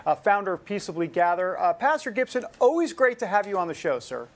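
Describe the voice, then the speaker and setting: A man's voice: high voice, sing-song, brisk. A man hosting an opinionated political talk show in a punchy, teasing manner, repeating himself and asking rhetorical questions.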